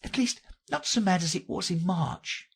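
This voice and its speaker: A woman's voice: fairly low pitch, lively intonation, moderate pace, creaky, slightly rough, pitched above the performer's own voice, full character voice. A woman voicing a polite, puzzled little girl from a children's storybook, earnest and a little timid.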